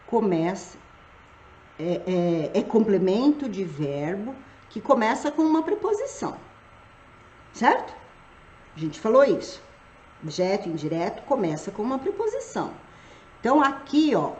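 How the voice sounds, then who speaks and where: A woman's voice: medium pitch, a little mellow, slight background noise. A woman teaching grammar for exams in a live online lesson, checking often that her students follow. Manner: explains slowly, checks understanding with "tá?" and "gente". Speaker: Portuguese teacher for civil service exams. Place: room at home, live stream. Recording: roomy echo.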